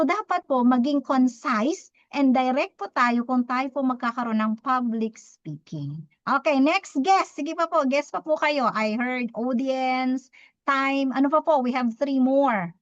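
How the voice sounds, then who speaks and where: A woman, teaching public speaking to a live audience, talking fast and quizzing her listeners. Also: high voice, fairly bright tone, no echo, lo-fi sound. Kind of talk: interactive talk to a live audience.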